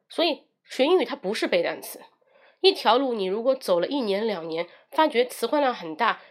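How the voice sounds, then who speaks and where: Woman teaching English on a livestream. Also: a little high. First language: Mandarin Chinese. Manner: switches between Mandarin and English, demonstrates phrases.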